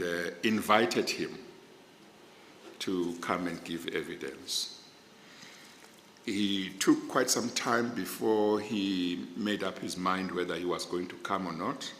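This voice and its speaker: South African man, deep measured judge, roomy echo, faint noise. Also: fairly bright tone. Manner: measured, hesitant with many fillers. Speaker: judge being interviewed. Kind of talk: formal interview answers.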